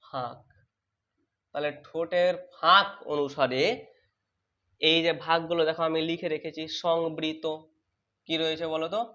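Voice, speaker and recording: A man teaching a lesson, who asks questions and then answers them himself, repeats terms slowly and corrects his own slips aloud. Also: fairly high pitch, level tone, pushed and bright. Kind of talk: exam-prep lesson on vowel sounds. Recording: dull lo-fi sound.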